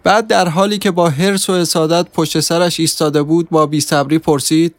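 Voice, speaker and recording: A man's voice: on the high side, fairly even intonation, no echo. Man narrating a story. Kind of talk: scripted audiobook narration.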